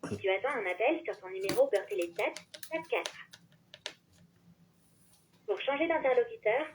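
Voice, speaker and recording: A woman reading recorded phone menu prompts in a smooth, promotional tone. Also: fairly high pitch, expressive, moderate pace, slight background noise. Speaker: automated phone menu announcer. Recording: phone line.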